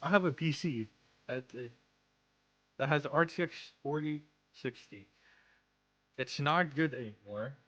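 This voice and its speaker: A man with a slushy lisp and slightly slurred words, talking casually and haltingly as he introduces himself in a vlog, often repeating phrases. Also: fairly high pitch, fairly bright tone, muffled recording. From Canada. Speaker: content creator and streamer.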